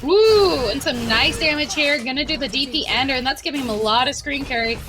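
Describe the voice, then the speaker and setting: A woman's voice: sits high, fast. A woman giving upbeat, analytical color commentary on a live fighting game match. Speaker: esports commentator.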